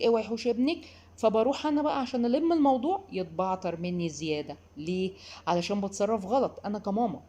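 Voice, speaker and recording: Fast-talking Egyptian woman giving advice. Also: medium pitch. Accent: Egyptian Arabic. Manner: animated, addresses the listener directly, acts out quotes. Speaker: parenting advisor. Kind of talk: advice talk to mothers.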